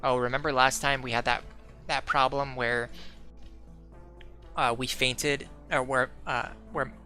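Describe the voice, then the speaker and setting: A man's voice: medium pitch, flat delivery, a little slow, bright, forceful tone. A young man casually commenting while streaming a game, rambling with lots of fillers and restarts. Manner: rambling, many "like" fillers, self-correcting. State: hiccuping. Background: faint background music.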